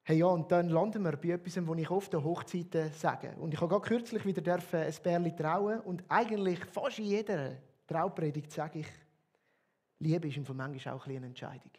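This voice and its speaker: A pastor with a Swiss German accent delivers his sermon in an earnest, emphatic way, his voice sitting fairly high. The tone has a husky edge that stays with him throughout. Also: brisk, a little mellow.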